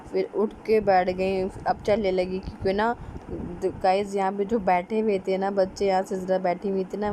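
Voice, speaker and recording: A woman's voice: mid-range voice, dark tone, slight background noise, poor audio. A mother chatting straight to viewers as she films her children on an outing in an outdoor park, recorded on a handheld phone. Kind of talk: casual vlog narration.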